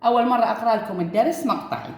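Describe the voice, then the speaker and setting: A woman's voice: on the high side, darkish tone, echoey room. A woman teacher with an Iraqi Arabic accent giving a reading lesson to first graders, drawing out words and repeating each one. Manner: reads words slowly syllable by syllable, repeating each. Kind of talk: recorded reading lesson for young pupils.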